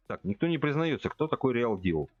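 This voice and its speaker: Brisk and medium-pitched with big swings in pitch, this man in his forties streams a game from his home computer, talking through his thoughts and speaking straight to his chat. Faint music sits behind him in a dull recording with no room sound.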